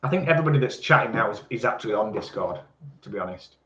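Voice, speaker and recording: Animated and rapid-fire, with a lowish, slightly bright voice, a man in his 40s jokes around with his partner while co-hosting a live stream and reading viewer comments. The recording sounds echoey and somewhat dull.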